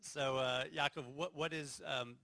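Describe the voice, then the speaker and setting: A man's voice: a little high, fairly even intonation, measured pace, creaky, pushed and bright. A man, a venture capital investor, moderating an onstage fireside chat in an affable, joking manner. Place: conference stage before an audience.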